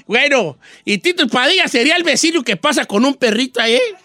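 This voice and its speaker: A man's voice: very high-pitched, animated, a little fast, bright, forceful tone, no room sound, heavily acted. A man voicing a joking old Mexican man who hosts a comic radio show, rambling and teasing. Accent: Mexican Spanish. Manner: rambling storyteller, playful and teasing.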